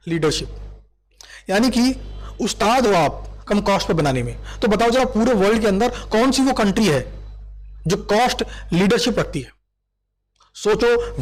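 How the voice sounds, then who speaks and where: A man giving a recorded commerce lecture, explaining with everyday examples and acted-out quotes. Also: sits high.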